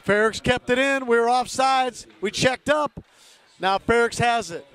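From the stands of an indoor ice rink, a man calls hockey play-by-play as an amateur, naming players in clipped phrases and openly cheering the home team. His voice is extremely high and a bit bright, and he speaks a little slowly.

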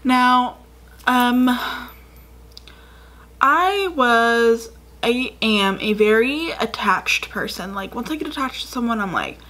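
Speaking to the camera from a dim room, a woman in her 20s tells rambling childhood stories for her casual YouTube vlog, full of fillers. Her slightly high voice has a sharp tone and lively intonation, and she goes slowly with long pauses.

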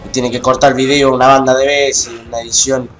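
Young argentine gamer, cursing nonstop, game music blaring behind. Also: male voice, mid-range voice, level tone, brisk. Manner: foul-mouthed, ranting, easily exasperated. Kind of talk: gameplay commentary. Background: game music and sounds.

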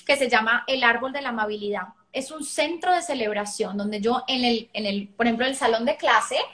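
A woman, a parenting educator talking on a live stream, lively and acting out little quotes. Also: on the high side, normal speed. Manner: lively, acts out child and parent voices.

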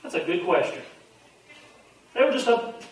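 A male pastor teaching a Bible class in a quick, conversational way, often restarting his sentences. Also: high voice, very animated. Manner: fast-talking, conversational, repeats his starts. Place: church sanctuary. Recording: very echoey room, voice from far off.

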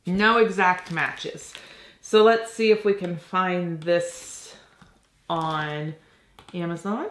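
A woman in her forties, a reseller vlogger, chats casually while unboxing items at her home office desk, thinking aloud as she handles them. A cold makes her lowish voice slightly nasal, and she keeps a steady tone and slow pace in a roomy-sounding space.

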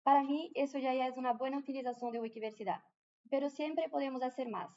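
Speaking fast in a large room, a Brazilian woman gives a conference talk with a Portuguese accent. Her voice sits high, with fairly even intonation and a dark tone, though the highs are cut off. She is careful, with frequent hesitations and restarts.

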